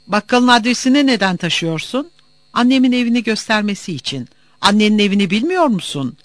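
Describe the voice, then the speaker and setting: A reader voicing a gruff male soldier interrogating a traveler with short, clipped questions, in an audiobook. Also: mid-range voice, very animated, fairly quick, fairly bright tone, no echo, voice pushed up. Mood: suspicious. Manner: curt, clipped demands.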